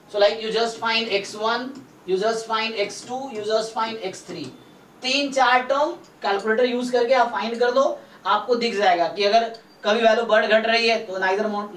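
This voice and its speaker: A man's voice: sits high, fairly bright tone. A man, a statistics and maths teacher, explains problems step by step in a Hindi-English mix and checks whether students follow. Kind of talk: doubt-clearing online class. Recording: roomy, distant mic, faint noise.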